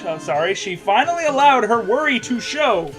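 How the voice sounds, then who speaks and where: Reading fan fiction aloud as co-host, the man sounds very animated, his very high voice a bit bright and his pace normal. He trips over the words, stammering, and mocks the story with jokey asides over background video game music.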